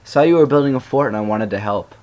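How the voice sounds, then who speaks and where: Little schoolgirl, forward and friendly, pitched up; male reader. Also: fast talker, a little mellow, muffled recording, lightly acted.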